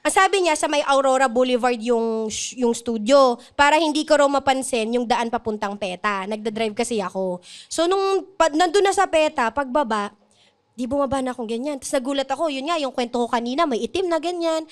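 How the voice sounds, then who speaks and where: A high-pitched woman chats casually and tells her story with lots of animation. She laughs often between lines. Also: lively intonation, a little fast. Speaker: guest telling her proposal story. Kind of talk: casual chat.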